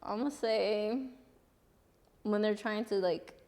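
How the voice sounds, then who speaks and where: A young woman from El Salvador chats as an interview guest, talkative and quick to laugh, with "like" scattered through her sentences. Her voice sits at an average pitch for a woman, and a long room reverb trails behind it. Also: darkish tone. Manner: chatty, laughs often, sprinkles in "like". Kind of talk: casual interview. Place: studio.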